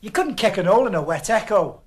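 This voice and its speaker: A man's voice: high voice, animated, quick pace, noisy background. A man playing a cheeky young lad who answers with blunt slang in a comic phrasebook sketch.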